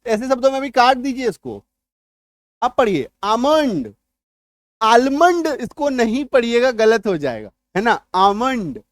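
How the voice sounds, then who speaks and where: A man's voice: very high-pitched, sing-song, no echo. A man who is an English teacher, giving a spoken lesson on pronunciation. He spells words out letter by letter and keeps checking in with his students with little tag questions. He is still recovering from an illness. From India. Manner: explanatory, repeats "है ना" and "ठीक है" to check understanding; spells out letters slowly and stresses correct pronunciation.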